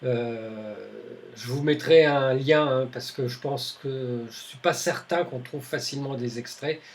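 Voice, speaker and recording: A man's voice: mid-range voice, a little slow. A man casually reviewing albums from his own collection, speaking with many fillers, restarts and little tag words. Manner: hesitant, many fillers and restarts, tags phrases with "hein". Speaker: music collector presenting albums.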